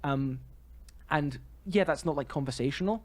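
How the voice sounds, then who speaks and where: At normal speed and in a slightly high voice, a podcast co-host weighs in on theatre, offering articulate and opinionated commentary in relaxed conversation.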